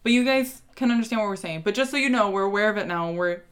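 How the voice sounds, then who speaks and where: A woman's voice: medium pitch, quick pace. A woman with a Valley Girl accent chatting casually as a podcast co-host, peppering her talk with "like" and "literally". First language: bilingual. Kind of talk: casual chat.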